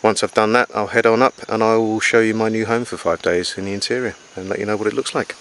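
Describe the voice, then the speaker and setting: Male outdoor jungle vlogger, lowish pitch, matter-of-fact and unscripted, talking to camera over faint cricket and insect ambience. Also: steady tone, fast talker, a bit bright, slight background noise, low-quality recording. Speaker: survival diarist presenting to camera. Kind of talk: outdoor vlog, casual explaining to camera. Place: outdoors in jungle beside a river.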